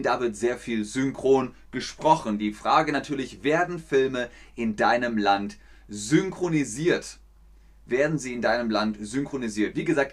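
A man with a Rhineland German accent, hosting a casual livestream lesson and explaining things slowly, with repeats of key sentences. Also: mid-range voice. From Cologne, Germany. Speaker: German teacher, livestream host.

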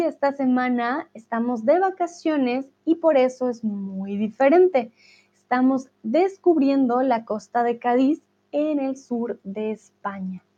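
Woman, slow and patient language teacher on a live stream, higher voice, dull lo-fi audio. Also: mellow. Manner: patient, explains slowly, chats with viewers. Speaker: Spanish teacher. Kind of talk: live-streamed lesson reading chat.

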